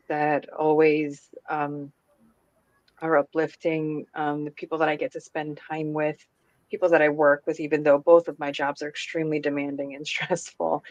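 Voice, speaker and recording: A woman's voice: low-pitched, no echo, lo-fi sound. Woman co-host, sincere and hesitant, lots of ums, dry close mic. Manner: earnest, halting with many ums. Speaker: podcast co-host. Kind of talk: casual chat.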